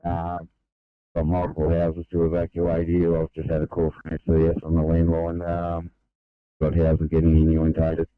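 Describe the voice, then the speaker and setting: A man's voice: low-pitched, completely flat delivery, normal speed, smooth. An Australian man on an emergency rescue crew, speaking in clipped procedural phrases over a crackly walkie-talkie. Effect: crackly two-way radio. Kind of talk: terse radio dispatch traffic. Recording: narrow, crackly walkie-talkie radio transmission.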